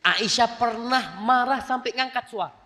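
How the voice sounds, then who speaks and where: With an extremely high-pitched voice, the man delivers his sermon at a moderate pace in a big-sounding room. He's an Islamic preacher whose storytelling is animated, slipping into the voices of the people he quotes.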